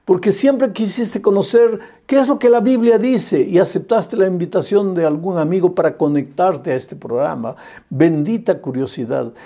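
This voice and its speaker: A man's voice: high voice, normal speed, dark tone. A male pastor preaching an evangelistic sermon with impassioned, repetitive cadences, speaking directly and fondly to the listener.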